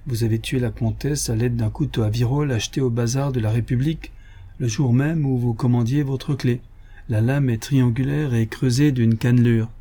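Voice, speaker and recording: A cold former police inspector in a storybook crime tale, as a male narrator puts him on, speaking in dry, hard, exact phrases. The voice is dark and husky, with a steady, threatening edge. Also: mid-range voice, normal speed, natural voice. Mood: menacing. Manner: curt, hard, precise.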